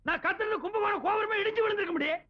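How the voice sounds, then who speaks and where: An actor playing a hot-tempered shopkeeper who scolds and shouts insults in a comedy film scene. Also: male voice, very high voice. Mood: exasperated. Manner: loud, scolding, quick to yell insults. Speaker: comic lead in a film scene. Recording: dull lo-fi old film audio.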